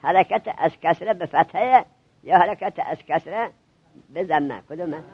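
Husky-voiced man quizzing his students. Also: high-pitched, narrow, tinny audio. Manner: drills students with rapid questions. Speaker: seminary teacher. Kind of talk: classroom grammar lesson.

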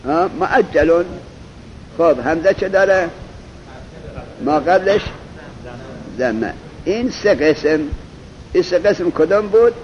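Male teacher, slightly high voice, seminary-style class lesson, keeps firing questions at students, drags out example words; muffled lo-fi tape with faint hiss. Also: expressive, a little mellow. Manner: quizzes students, drawls example words slowly. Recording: dull lo-fi recording with faint noise.

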